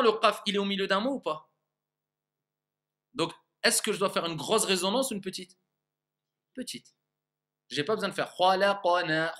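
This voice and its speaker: This high-pitched, bright, pushed voice belongs to a man leading a Quran recitation class. He takes a patient approach, sounding things out aloud and frequently making sure the students grasp them.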